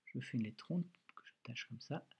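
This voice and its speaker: A man's voice: medium pitch, expressive, normal speed, slight background noise. A male schoolteacher recording a handwriting lesson for a child, patiently talking through each pen stroke aloud with an encouraging manner. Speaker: primary school teacher.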